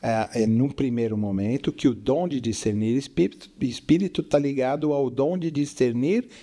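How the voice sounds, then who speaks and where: A middle-aged father co-hosting a show tells a story casually in a mellow, medium-pitched voice at a moderate pace. The chat centers on faith, and he often checks that his listener is following along.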